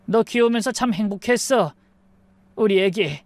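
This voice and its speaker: A woman's voice: mid-range voice, normal speed, a little mellow, no room sound, voice pushed up, lightly acted. A woman voicing a doting father of the bride who sounds affectionate and reassuring, in a dry recording.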